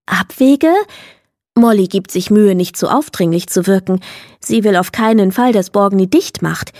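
A woman reading a children's book aloud as the narrator, telling the story in a clear, measured way. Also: mid-range voice, darkish tone, no room sound, clean studio sound. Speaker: audiobook narrator.

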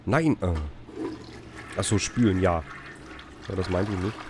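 Low-voiced man commenting on a game. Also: steady tone, measured pace, darkish tone, a little hiss or hum. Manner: colloquial, muttering reactions, reads on-screen text aloud. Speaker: let's play host. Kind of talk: casual gameplay commentary.

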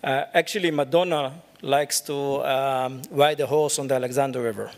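A middle-aged man giving a conference keynote from a podium in a large lecture hall, speaking haltingly with many fillers. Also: mid-range voice, steady tone. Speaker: keynote speaker, urban planner. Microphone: podium microphone.

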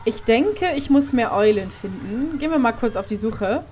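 High-voiced woman reacting to a horror game. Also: animated, moderate pace, darkish tone, a little hiss or hum. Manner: exclaiming, chatty, swears now and then. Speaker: let's play host. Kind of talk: commented horror gameplay.

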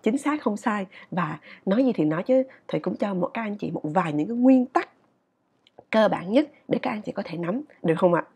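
A woman teaches English in a relaxed video lesson. Her voice is husky and her pitch swings widely as she talks. She keeps a chatty, animated rhythm and keeps checking in with her listeners. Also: a little fast.

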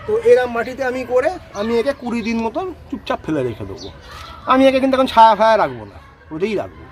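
Very high-pitched, very animated and quick, a man outdoors walks through how to pot roses as a gardening expert. He explains casually and repeatedly checks understanding with "ঠিক আছে?".

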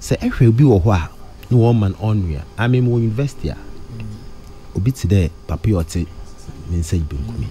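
A middle-aged man with a Ghanaian accent speaks close to a studio mic. His voice swings widely in pitch, jumping high on questions as he switches between Twi and English. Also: animated, fairly quick, long pauses, mellow, slight background noise. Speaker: radio studio guest. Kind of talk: radio studio discussion. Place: radio studio. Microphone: studio mic close to mouth.

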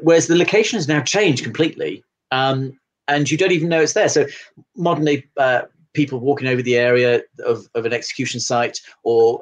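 Husky man hosting a chat by webcam. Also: mid-range voice, low-quality recording. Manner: fast, rambling questions with fillers. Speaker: host. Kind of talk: video call interview. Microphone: video call webcam.

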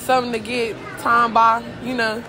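Brash woman bragging in a loud mall. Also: on the high side, little pitch movement, normal speed. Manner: brash, boastful, blunt. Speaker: interviewee. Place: busy mall. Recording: loud crowd and music.

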